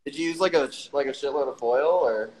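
This livestream host speaks quickly in a medium-pitched voice with a breathy edge, and the recording is low quality. Broadcasting casually from his phone, he curses a lot and keeps up a loose, jokey banter with viewers who drop in.

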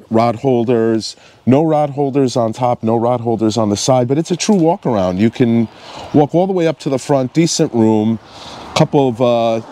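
A man's voice: mid-range voice, darkish tone. A man with a Long Island accent, casually explaining used boats as he walks around them and drives, talking in a conversational, hands-on way. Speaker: fishing boat vlogger. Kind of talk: casual walkaround commentary. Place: outdoors by the road and driving a car.

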